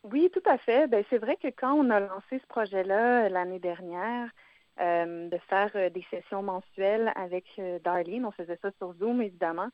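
A woman's voice: medium pitch, moderate pace, no echo, dull audio. A woman with a Quebec French accent, a guest speaking in a radio interview, hesitant, with many fillers and restarts. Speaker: guest, founder and director of a cultural organization.

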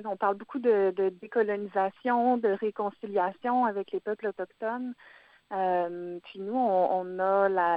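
A woman's voice: medium pitch, no room sound. A Quebec French woman talks as a radio guest, hesitating often and restarting her phrases. Her voice comes through dry and a little dull, as if from a lo-fi line. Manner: hesitant, many "euh" fillers and restarts. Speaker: guest, founder and director of a cultural organization. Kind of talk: radio interview.

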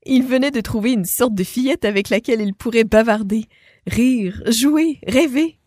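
Expressive woman reading a children's story. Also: on the high side, moderate pace, no echo, clean studio sound. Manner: warm, expressive, addresses the child listener.

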